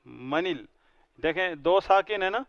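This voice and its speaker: A man's voice: on the high side, gravelly, no room sound, dull audio. Patient man teaching a language class. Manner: patient, explains word by word and drills pronunciation. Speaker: Arabic teacher. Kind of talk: classroom grammar lesson.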